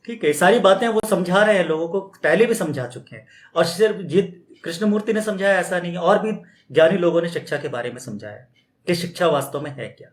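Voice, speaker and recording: A spiritual teacher with a fairly high voice gives an extempore, loosely conversational talk at a slightly fast pace. He keeps asking rhetorical questions and mimics other people's objections, and the recording sounds roomy and echoey.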